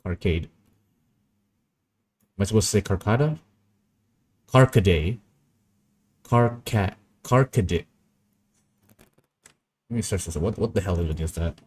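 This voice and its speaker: A young man talks in a loose, rambling way, amused by his own stories as he works. His voice sits low and a little husky. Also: a little mellow. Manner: rambling, anecdotal, easily amused. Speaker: animation streamer. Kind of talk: casual chat while animating.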